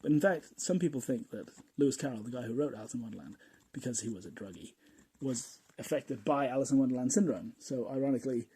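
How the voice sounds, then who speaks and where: Chatty, husky-voiced podcast man. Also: medium pitch, quick pace, warm tone, low-quality recording. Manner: chatty and rambling, chuckles often, drops to asides. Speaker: podcast host. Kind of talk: casual podcast monologue.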